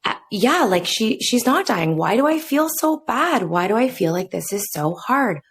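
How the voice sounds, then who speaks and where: A woman's voice: a little high, very animated, moderate pace, slightly rough. A woman in her thirties co-hosting a podcast, talking reflectively in a casual way with many fillers. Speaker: podcast co-host.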